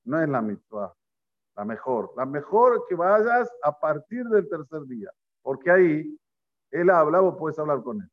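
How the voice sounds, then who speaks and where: A man with a Rioplatense Spanish accent teaching a lively Torah class as a rabbi. He asks the class questions and acts out the quotes. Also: fairly high pitch, measured pace, highs cut off. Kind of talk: lively Torah lesson to a group.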